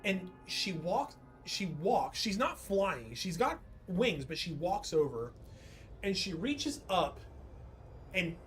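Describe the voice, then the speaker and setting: Slow, lowish-voiced woman game master. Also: very animated, faint music behind. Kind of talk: narrating a tabletop role-playing game.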